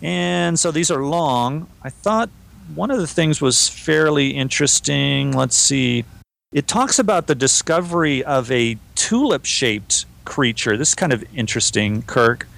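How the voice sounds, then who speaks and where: A man's voice: fairly high pitch, expressive, unhurried, gravelly, fairly bright tone. Man co-hosting a chatty podcast. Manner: conversational, reads listener emails aloud. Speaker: podcast co-host. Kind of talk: casual podcast discussion.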